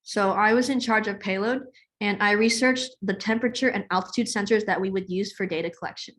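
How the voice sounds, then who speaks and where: A young woman from California presenting her part of a student project on a video call, in an even scripted delivery. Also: mid-range voice, a little fast.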